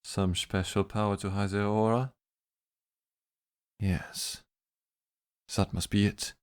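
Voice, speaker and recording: In a radio drama with music behind him, a man plays a grave figure from foggy Victorian London. His very low voice is clear and resonant, level in tone, and he speaks in a measured, guarded, fatalistic manner.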